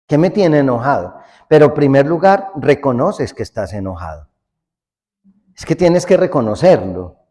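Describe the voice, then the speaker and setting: A Colombian priest preaches at an unhurried pace, joking and folksy, slipping into little acted-out exchanges. His voice rings with a long reverb, as if in a large church hall. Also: on the high side, darkish tone. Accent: Colombian Spanish. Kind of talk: humorous sermon.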